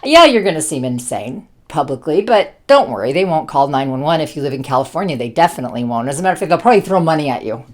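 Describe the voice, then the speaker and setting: A woman's voice: deep voice, very animated, fast, hardly any pauses. A woman giving a casual tarot reading, blunt and joking, swearing freely. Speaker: tarot reader.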